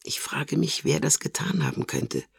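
A fragile, withdrawn middle-aged woman with a soft, hesitant way of speaking, voiced by a man reading a novel aloud. Her quiet lines keep a gravelly texture. The sound is close and dry. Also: mid-range voice, moderate pace, no echo. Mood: subdued.

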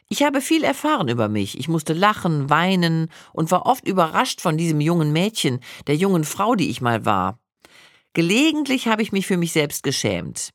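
A woman's voice: sits low, dry recording, clean studio sound. Woman in her sixties reading a memoir. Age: 60s. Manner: reflective, expressive storytelling. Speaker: narrator. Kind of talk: memoir audiobook narration.

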